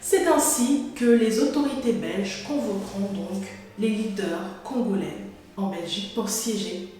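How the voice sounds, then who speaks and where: A woman explaining history to her viewers in a clear storytelling manner. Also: medium pitch, measured pace, dark tone. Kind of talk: educational narration to camera. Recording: echoey room with faint music.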